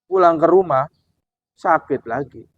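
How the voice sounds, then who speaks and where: A male preacher tells a sermon story with lively energy and acts out each exchange. His voice sits somewhat high. The recording is dry and dull-toned. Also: measured pace, dry recording. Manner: animated, acts out dialogue. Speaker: Islamic preacher.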